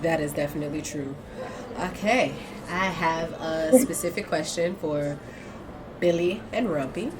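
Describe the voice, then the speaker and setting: Woman host with a lowish voice. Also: unhurried, background noise. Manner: friendly, prompting guests with questions. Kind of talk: live stream talk show.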